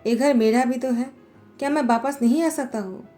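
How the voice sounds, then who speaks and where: A woman lending her voice to a proud young husband who answers sharply and deflects with questions. The voice sits a little high and mellow, read as part of a storytelling recap with faint music behind. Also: moderate pace, lightly acted. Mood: defensive. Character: brooding young husband, cold and defensive.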